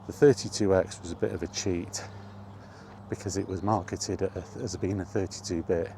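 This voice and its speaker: In a steady, low-pitched voice at a moderate pace, a middle-aged man chats loosely about retro games on his personal gaming vlog. It's an informal, reminiscing ramble, and the background is noisy.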